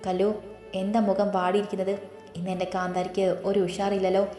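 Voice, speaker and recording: A woman's voice: mid-range voice, completely flat delivery, fairly quick, dark tone, lightly acted. A caring young husband in an audio story, played by a woman narrator, plain and direct. His lines sound roomy, with faint music under them. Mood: tender. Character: young husband, caring but short-tempered.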